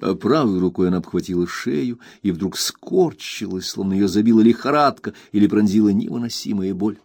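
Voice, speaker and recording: A man reading a novel aloud as narrator, measured and expressive. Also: fairly low pitch, no room sound, studio quality. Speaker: audiobook narrator. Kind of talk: scripted narration.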